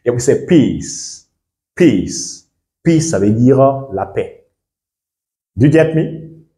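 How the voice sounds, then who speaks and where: This young Guinean English and German teacher speaks at a medium pitch, slowly and expressively, with a mellow quality and a Guinean French accent. During his bilingual pronunciation lesson, he keeps making sure his audience understands.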